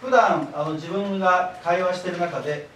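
A man's voice: sits high, moderate pace, a bit bright. A man giving a public lecture, explaining patiently and having the audience repeat words after him. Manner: patient explanatory, leads audience call-and-response. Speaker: lecturer, library director. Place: echoey lecture hall. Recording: very echoey hall, voice from far off, faint hiss.

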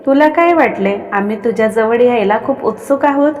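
A woman's voice: fairly high pitch, a little fast, darkish tone, big-room sound, lightly acted. A woman voicing a smug, mocking young husband who teases his wife. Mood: teasing. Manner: smug, mocking, calls himself "we". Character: teasing arrogant young husband, man.

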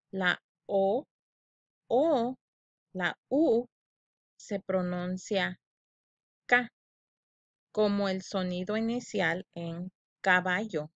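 A woman leads a children's phonics lesson at a very slow, deliberate pace. She stretches out each syllable and repeats sounds so learners can echo them. The recording is dry and a little dull, with a lo-fi sound. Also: medium pitch, a bit bright. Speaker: teacher.

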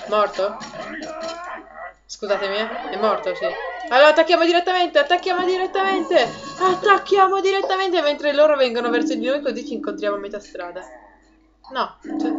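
A high-voiced woman narrates a strategy game as she plays, excitable and chatty, often laughing and calling out to her viewers. The audio is a little dull and lo-fi, with game music clearly audible behind her. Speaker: gaming video host. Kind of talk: let's play commentary.

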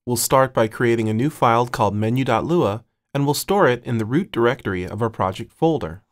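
A man instructing in a step-by-step screencast, speaking in a measured way and dictating code piece by piece into a close mic. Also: medium pitch. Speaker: tutorial instructor.

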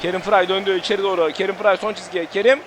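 A young man with a Turkish accent giving excitable, sweary live commentary on his own football video game match as the channel host, with game music behind him. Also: sits high, fast talker, crowd noise, background noise.

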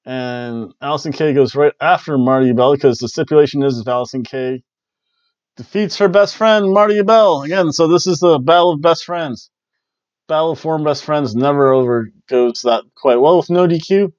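A man with a fairly high voice recaps wrestling at a normal speed, giving chatty, jokey, loose play-by-play with playful exclamations as a casual review host. He sits indoors in a small home room with bookshelves. His webcam-call headset produces dull, dry, lo-fi audio without any room sound.

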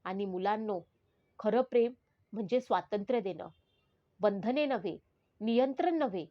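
A woman's voice: mid-range voice, lively intonation, normal speed, lo-fi sound. A woman narrating in the first person as the spirit of a murdered teenage schoolgirl, in a solemn, pleading manner. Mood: grieving.

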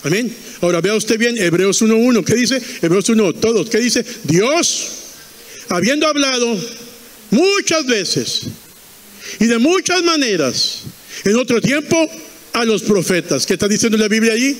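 A man's voice: high voice, animated, moderate pace, in a large hall. A man preaching a fervent sermon in a church, repeating lines and quizzing the congregation.

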